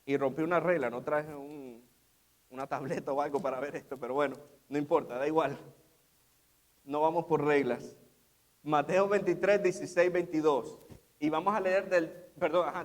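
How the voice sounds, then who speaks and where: A man preaching a sermon as pastor, asking his listeners questions and chuckling as he reads aloud. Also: sits high. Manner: animated, asks the congregation questions, laughs often.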